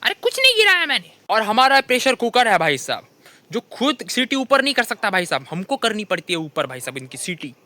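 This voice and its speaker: A young man with a Hindi accent tells comic stories of his kitchen mishaps, constantly saying "bhai sahab" in an animated monologue. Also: high voice, a little fast. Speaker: comedian telling funny stories. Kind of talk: stand-up storytelling monologue.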